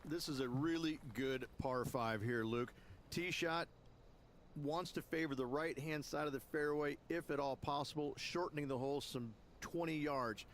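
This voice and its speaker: A man giving measured, explanatory colour commentary in a golf video game. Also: a little high, a little hiss or hum, close to an everyday voice. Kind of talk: sports commentary.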